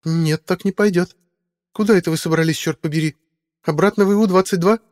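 A man reading a storybook voices a young woman, nervous and suspicious, with high questioning speech. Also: brisk, a little mellow, in a large hall, lightly acted.

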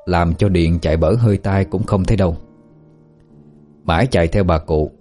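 A man reading a ghost story aloud as a storyteller, in an even, unhurried narration. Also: low-pitched. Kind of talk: scripted horror narration.

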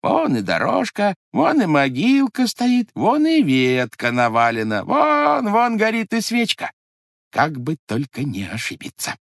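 A man's voice: sits high, huge pitch swings, a little slow, creaky, a bit bright, no room sound, studio quality, voice pushed up, full character voice. Man playing a grumbling old grandfather. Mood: muttering. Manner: grumbling, exclaiming, talks to himself. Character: grumbling stubborn old grandfather digging for treasure.

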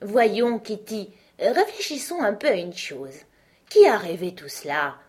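A woman's voice: medium pitch, sing-song, measured pace, a little mellow, breathy edge. A woman voicing Alice, a curious, chatty young girl who fondly scolds her cats in a storybook reading.

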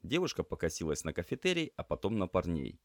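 A man narrating an audiobook in an expressive storytelling way. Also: sits low, fast talker, no echo, studio quality.

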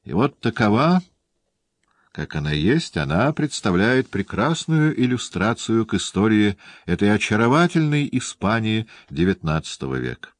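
A man's voice: on the low side, big pitch swings, moderate pace, no echo, clean studio sound, pitched above the performer's own voice. A man reading the part of an old, weary, bitter nobleman in an audiobook, with a sardonic, grumbling manner. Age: older.

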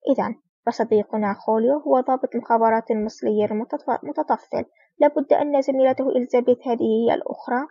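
A woman voicing a cunning female crime boss who speaks softly with a menacing edge. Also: on the high side, fairly even intonation, quick pace, breathy edge, dry recording. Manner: soft-spoken with a menacing edge. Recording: dull lo-fi recording.

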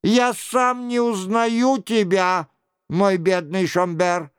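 A man voicing an excitable high-strung king. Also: slow pace, smooth, dry recording, clean studio sound. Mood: amused. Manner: startled, questioning. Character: excitable agitated French king.

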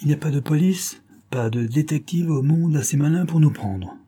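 A man voicing a boastful gang chief who threatens his captives with loud, sonorous phrases, in a storybook reading. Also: on the high side, moderate pace, slightly rough, pitched above the performer's own voice. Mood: menacing.

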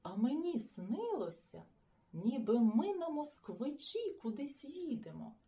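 A lanky, sleepy boy mumbles and drawls as if still half in his dreams, as a woman reading a children's story puts him on. He grumbles but stays good-natured, his voice a bit higher than the narration. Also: sing-song, measured pace, dark tone, heavily acted. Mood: dreamy.

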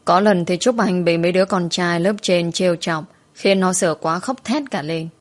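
A woman telling a story in steady, scripted narration. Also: lowish voice, moderate pace.

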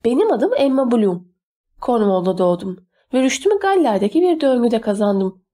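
A composed young woman who speaks formally and in measured phrases, voiced by a woman reader. The voice is lifted slightly and soft-toned. It reads like a storybook figure. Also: a little high, sing-song, pitched above the performer's own voice.

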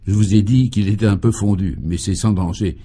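Confidential, matter-of-fact male guide in a radio play, low and mellow, voiced by a man. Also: steady tone, fairly quick, husky. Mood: confiding.

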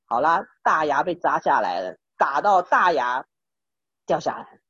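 A woman teaches a Buddhist text as a casual story, addressing listeners with many fillers and restarts. Her low, slightly rough, fairly bright voice swings widely in pitch at an unhurried pace, in a dull, dry recording with no room sound.

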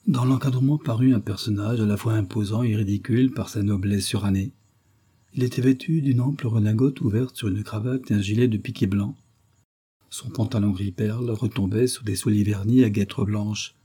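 A man reading a comic old short story aloud as narrator, in a measured, dry manner. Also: fairly low pitch, fairly even intonation, warm tone, breathy edge.

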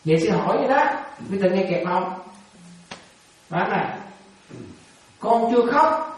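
A man's voice: high-pitched, animated, measured pace, heavy reverb, distant mic, rough recording. A man, a monk, gives a dharma talk and keeps asking his listeners questions, teasing them and laughing often. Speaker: monk teaching.

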